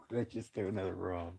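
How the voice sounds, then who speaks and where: A man's voice: low voice, a little mellow, slightly rough. A man with an Appalachian accent and a folksy country way of talking, giving casual rambling commentary on a live stream. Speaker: livestream host. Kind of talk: casual rambling commentary over field footage.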